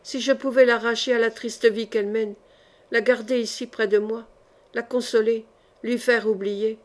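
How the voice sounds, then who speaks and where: A gentle, earnest young noblewoman, voiced by a woman reader with a fairly high voice. She speaks softly, in a pleading way. It fits a storybook audiobook. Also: steady tone, moderate pace, natural voice. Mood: tender. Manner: soft and pleading.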